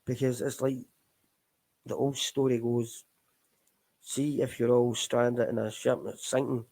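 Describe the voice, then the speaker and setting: Middle-aged Scottish man, recovery show host, gravelly and low-toned, loose candid ramble. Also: little pitch movement, a little slow, warm tone, poor audio. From Scotland. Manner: candid, rambling, addresses listeners as folks. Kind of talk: casual live chat.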